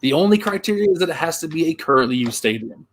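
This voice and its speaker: A man's voice: fairly high pitch, animated, fast talker. A man co-hosting a casual sports talk show, making dry joking asides. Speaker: podcast co-host.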